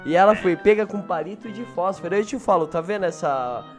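A young man, his voice a little high, trades jokes and slang in relaxed banter. Faint music sits under the talk. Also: brisk. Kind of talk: casual chat. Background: faint background music.

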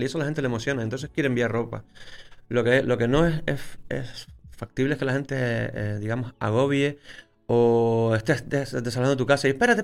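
A photographer, telling stories in a casual interview and acting out scenes with sound words. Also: male voice, medium pitch, gravelly. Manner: lively storyteller, acts out scenes with sound words. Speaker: photographer guest.

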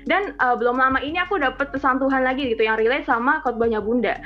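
A woman's voice: high-pitched, quick pace. A teenage girl giving a church testimony in an earnest, chatty way, full of filler tags. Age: teens. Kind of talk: church testimony, casual storytelling. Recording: muffled lo-fi audio with faint music.

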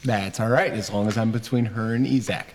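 Low deadpan guy playing a protective character, faint noise behind. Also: brisk. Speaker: tabletop game player. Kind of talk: in-character table talk.

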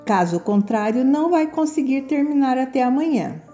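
A woman's voice: high voice, expressive, moderate pace, warm tone, voice pushed up. A woman storyteller voicing a stern, commanding schoolteacher in a children's story, on a muffled recording with music behind. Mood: reproving.

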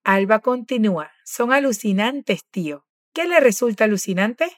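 Woman, encouraging pronunciation teacher, slow clear drills, dry close sound. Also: on the high side, expressive, dry recording. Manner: patient, encouraging, models words slowly. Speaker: language teacher.

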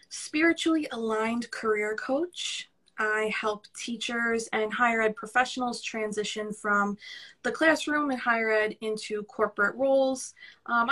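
A woman's voice: medium pitch, fairly bright tone. A woman in her thirties with a New York accent, a podcast guest talking candidly and chattily, laughing easily and swearing casually. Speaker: podcast guest, career coach. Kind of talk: casual conversational interview.

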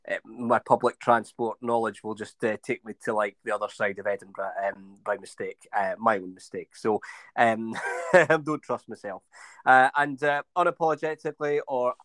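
A man's voice: lowish voice, fairly even intonation, moderate pace, a bit bright, dry recording. A man co-hosting a football podcast in casual chat, hesitant with many fillers and restarts. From England. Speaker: podcast co-host.

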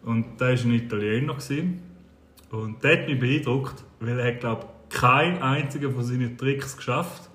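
A man's voice: medium pitch, normal speed, a bit bright. A man speaking with a Swiss German accent chats loosely and tells his anecdotes bluntly, with the odd swear word. His voice sits in the middle register. The room around him rings with echo. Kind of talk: casual chat.

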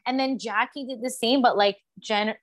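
A woman's voice: a little high, fairly even intonation, moderate pace. A woman guest on a podcast, chatting casually and trailing off into fillers. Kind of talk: casual chat.

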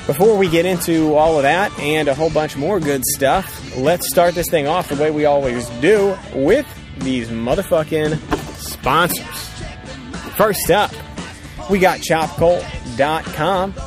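A man's voice: on the high side, unhurried. A man co-hosting a casual podcast outdoors, with profane, informal, upbeat banter and sponsor plugs. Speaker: podcast co-host. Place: outdoors on a ranch. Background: music.

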